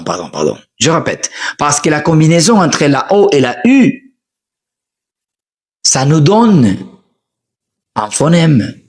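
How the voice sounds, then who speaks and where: A man teaching in a podcast lesson. He explains emphatically, keeps asking rhetorical questions and repeats his points. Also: mid-range voice. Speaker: French teacher.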